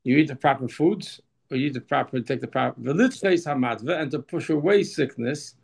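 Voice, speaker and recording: A man teaching a religious text class. He often repeats and restarts his words, and he reads passages slowly before translating them. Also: mid-range voice, lively intonation, vocal fry, breathy edge, poor audio.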